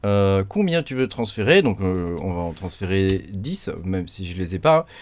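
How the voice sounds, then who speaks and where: A man's voice: deep voice, big pitch swings, moderate pace, slight background noise. A man talks through a computer tutorial in a casual, chatty way, full of fillers and little tags. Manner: chatty, many fillers and tag "hein". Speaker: crypto mining tutorial host. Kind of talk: casual screen-recorded tutorial.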